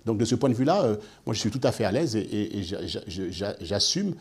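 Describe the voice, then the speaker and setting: A man with a husky, somewhat low voice, speaking as an interview guest. He talks in a measured way, pausing on fillers and repeating words before he goes on. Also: very animated. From France. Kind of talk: measured discussion.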